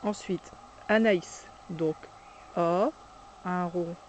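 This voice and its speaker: Preschool teacher going stroke by stroke real slow, patient, light background hiss. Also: medium pitch, steady tone. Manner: slow, patient, names each stroke aloud. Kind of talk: step-by-step handwriting demonstration.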